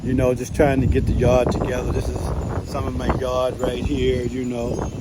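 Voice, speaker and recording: A man talking casually to camera from his yard, relaxed and folksy, with lots of "you know" fillers. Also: medium pitch, normal speed, heavy background noise. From United States. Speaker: vlogger.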